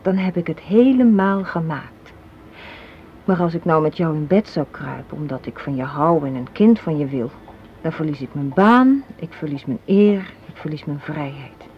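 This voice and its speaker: Heard on a dull, noisy old radio recording, this Dutch radio play features a young actress as a hard-minded cynic pressing her case with rhetorical questions. She speaks in a low register, at a moderate pace, with lively intonation and a bitter, insistent tone.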